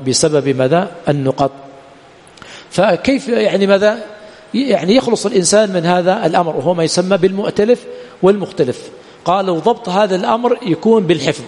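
A man delivers a brisk classroom lecture in a high, quick voice. He keeps prompting with rhetorical questions and answering them himself, repeating the key terms. The sound carries a long reverb from the lecture hall. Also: a little mellow. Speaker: Islamic studies teacher. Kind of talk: classroom lecture on hadith science. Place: lecture hall of an Islamic studies center.

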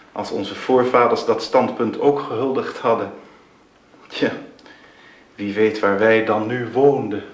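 An actor playing a sardonic, haughty rich man in an old radio drama, with mocking, deliberate phrasing. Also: fairly low pitch, steady tone, reverberant. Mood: wry, mocking. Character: sardonic, haughty wealthy brother with a biting wit.

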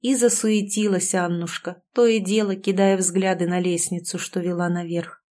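A woman reading an audiobook aloud in a measured, expressive way. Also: on the low side. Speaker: audiobook narrator. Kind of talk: scripted audiobook narration.

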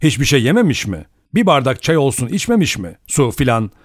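A blunt, suspicious middle-aged man who pushes hard with his questions, voiced by a male reader. His pitch moves in a lively way, and the sound is dry and close. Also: a little fast, no echo.

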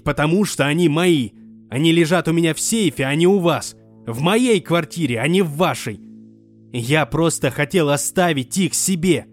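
A man voicing a desperate wounded young man, shouting through tears. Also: fairly high pitch, pitched above the performer's own voice, close to an everyday voice. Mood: bitter.

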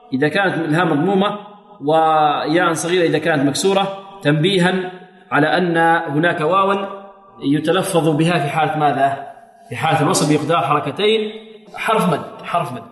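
A man's voice: a little high, fairly bright tone. A man teaching Quran recitation. He asks his students questions, answers them himself and chants short demonstrations. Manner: asks the class questions and answers them, repeats a blessing often. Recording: roomy hall with long reverb.

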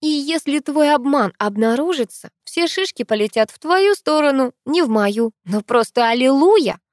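A woman voicing a brash, teasing young woman who mocks her sister loudly in an audiobook. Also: fairly high pitch, moderate pace, no room sound, studio quality, voice pushed up, lightly acted. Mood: gleeful. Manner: loud, mocking, exclamatory. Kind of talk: audiobook character voice.

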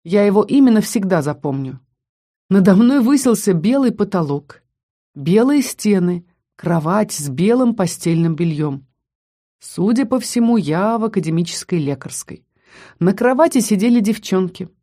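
A woman narrating a fantasy audiobook in an expressive, dramatic reading style that slows for tense lines. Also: mid-range voice.

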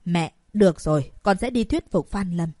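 A woman's voice: fairly low pitch, lively intonation, moderate pace, darkish tone, dry recording, studio quality. A woman voicing an anxious, dutiful young wife in an audiobook, pleading with and placating her mother. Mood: giving in. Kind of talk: audiobook character voice.

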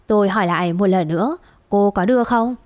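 This is a composed young wife in a wealthy house, cool-headed and firm in her commands, as a woman storyteller reads her lines. She speaks evenly and with quiet authority. Her voice sits at a middle pitch. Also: brisk, lightly acted. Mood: indignant. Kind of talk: storybook reading.

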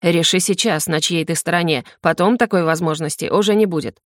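A woman's voice: on the low side, fairly quick, no room sound, pitched below the performer's own voice, lightly acted. A woman reading the part of a cold, commanding male general in an audiobook, speaking dryly and curtly. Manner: dry and cold.

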